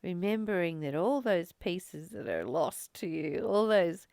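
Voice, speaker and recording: A spiritual study host with a lowish, creaky voice talks a little slowly in a reflective, conversational way. Expressive throughout, she leans on emphatic repetition to stress what matters. The sound is clean studio audio without room noise.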